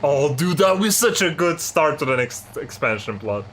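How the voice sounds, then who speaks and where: A man streaming a video game, ranting and swearing in exasperated, loud commentary about the story. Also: on the high side, sing-song, normal speed, slight background noise. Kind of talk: live gameplay commentary.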